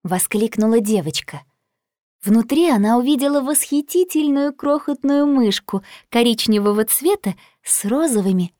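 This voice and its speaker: A woman narrating a children's storybook in a lively, expressive reading. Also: on the high side, no room sound, clean studio sound. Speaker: audiobook narrator.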